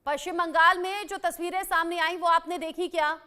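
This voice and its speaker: Lady tv anchor, really high bright voice, keeps hammering guests w the same question. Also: fairly even intonation, fairly quick. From western Uttar Pradesh, India. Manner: pressing, repeats questions. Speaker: news anchor. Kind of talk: moderating a TV debate.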